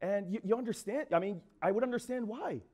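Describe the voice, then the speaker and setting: A man's voice: high voice, brisk, a little mellow. A young man giving a sermon as a guest speaker in a church, talking casually with filler words and playful acted asides.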